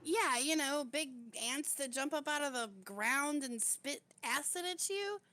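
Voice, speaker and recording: A woman's voice: high voice, unhurried, bright, forceful tone, no room sound. A woman playing in a tabletop game, teasing and joking with the others. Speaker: player. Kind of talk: casual tabletop banter.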